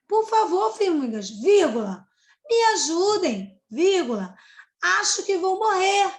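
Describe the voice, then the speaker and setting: A woman's voice: very high-pitched, sing-song, slow, roomy sound, voice pushed up, heavily acted. A woman voicing a starving female cicada in a fable, pleading emphatically for food.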